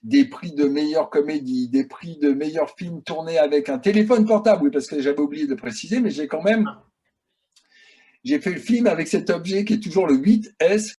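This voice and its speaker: Male guest, husky mellow timbre, chatty animated storyteller. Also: on the high side. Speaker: guest filmmaker. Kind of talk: casual interview answers.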